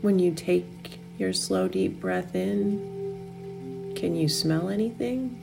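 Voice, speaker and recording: A woman guides a meditation in a fairly low voice with heavy creak at the edges. She speaks very slowly and soothingly, leaving long pauses between her gentle instructions. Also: wildly swooping pitch, music in the background.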